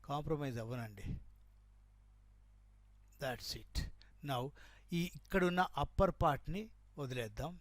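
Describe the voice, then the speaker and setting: This is a classroom shorthand lesson in Telugu and English, led by a man with a mid-range, animated voice who speaks a little slowly and pauses often, with no room sound. He explains each stroke step by step while drawing, repeats key terms, and checks in with "right?".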